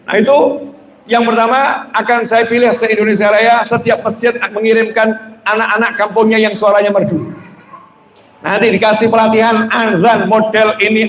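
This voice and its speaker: A man preaching in a live-streamed sermon, lively and humorous, acting out chatter with sudden loud bursts. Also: sits high. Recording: echoey hall, faint background noise.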